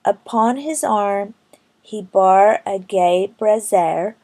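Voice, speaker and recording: A woman reciting Middle English poetry in a careful, halting way, word by word, with occasional stumbles. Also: mid-range voice, darkish tone.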